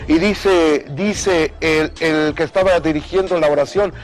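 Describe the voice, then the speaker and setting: A man's voice: on the high side, fairly even intonation, measured pace. A middle-aged man giving an emotional personal testimony in an earnest way, often repeating words for emphasis. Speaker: speaker giving a religious testimony.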